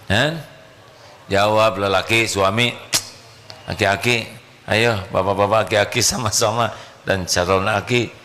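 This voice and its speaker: A man's voice: on the low side, fairly even intonation, unhurried, long pauses, pushed and bright, a little hiss or hum. A man preaching a live sermon, joking and quizzing the congregation with questions. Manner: humorous, quizzes the audience. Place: live religious gathering.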